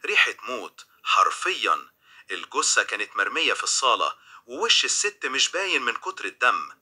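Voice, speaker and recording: Young Egyptian male narrator, first-person crime story, bright husky voice, lively pitch. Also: a little fast. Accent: Egyptian Arabic. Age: young adult. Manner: dramatic, tense.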